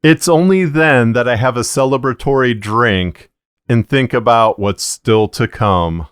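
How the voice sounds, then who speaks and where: Recorded indoors in a small booth lined with acoustic blankets, a middle-aged fiction podcaster and narrator reads a scripted explainer to camera, measured and deliberate. He sits close to a boom-mounted broadcast dynamic mic, and his medium-pitched voice comes through clean with no echo.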